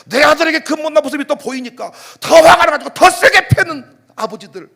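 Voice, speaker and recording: A middle-aged man preaching a sermon as pastor, animated, firing off rhetorical questions and sudden outbursts. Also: very high-pitched, a little fast, gravelly.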